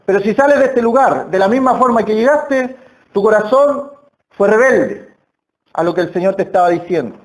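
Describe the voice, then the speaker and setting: A man preaching a sermon in a church, earnest, slowing down and repeating words for emphasis. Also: sits high. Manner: earnest, slow emphatic phrasing with repetitions. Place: church hall.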